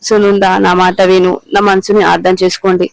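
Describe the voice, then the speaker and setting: A man reading the lines of a remorseful middle-aged husband begging his wife to listen, in a flat, clear voice. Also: high voice, normal speed, no room sound, poor audio. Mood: pleading. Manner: pleading.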